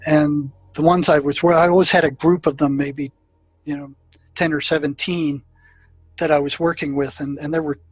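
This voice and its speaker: A man's voice: on the high side, little pitch movement, moderate pace, husky, no room sound, soft background music, rough recording. A man who worked as a therapist at a prison tells stories of past patients, often stumbling, repeating words and restarting. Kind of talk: storytelling recollection.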